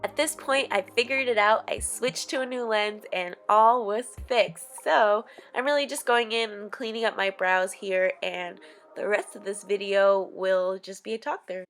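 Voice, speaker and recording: Speaking at a measured pace in a fairly bright, medium-pitched voice, this young American beauty vlogger sounds nasal and congested from allergies. She makes casual, self-deprecating small talk during a makeup tutorial, recorded on a distant mic with roomy echo and faint background music.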